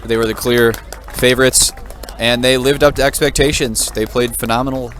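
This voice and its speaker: A man's voice: mid-range voice, fairly even intonation, moderate pace, a bit bright, slight background noise. A man doing live play-by-play commentary, upbeat and full of praise for the players. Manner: upbeat, praising, wraps up the broadcast.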